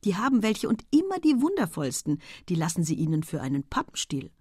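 A woman's voice: lowish voice, wildly swooping pitch, a little fast, a little mellow, breathy edge, no room sound, studio quality, full character voice. A woman reading aloud, voicing an ardent young man who talks eagerly and persuasively in a storybook.

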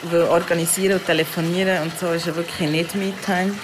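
A woman with a Swiss German accent, a podcast host and parent, talks candidly and off the cuff, as if keeping a casual audio diary. Her low voice has little pitch movement and she speaks fast, musing unscripted over background noise.

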